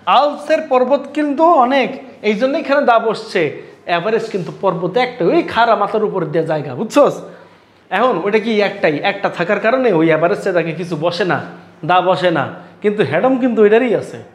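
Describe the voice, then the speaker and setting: A man's voice: high voice, lively intonation, moderate pace, echoey room. A male English grammar teacher from Bangladesh, teaching a class in casual speech and teasing and scolding his students.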